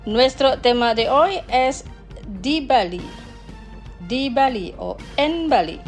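A woman hosting a scripted radio language lesson, pronouncing words slowly and carefully for listeners to repeat. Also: high voice, animated, faint music behind. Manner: slow, careful pronunciation.

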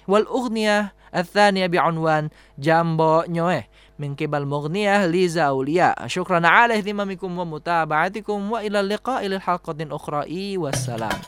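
A man's voice: high-pitched, fairly bright tone, smooth, dry recording. A man presenting a radio programme, reading a prepared script. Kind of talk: scripted radio narration in Arabic.

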